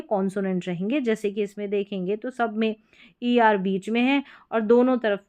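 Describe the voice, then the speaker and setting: A woman takes learners through English spelling rules, her voice smooth and clear. She is patient, says each example word slowly and more than once, and asks her students questions along the way. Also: medium pitch, darkish tone, dull audio. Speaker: English pronunciation teacher. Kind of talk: explaining spelling rules from a board.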